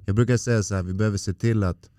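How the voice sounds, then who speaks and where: Deep-voiced calm host. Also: male voice, no room sound, clean studio sound. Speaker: podcast host. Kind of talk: reflective conversation.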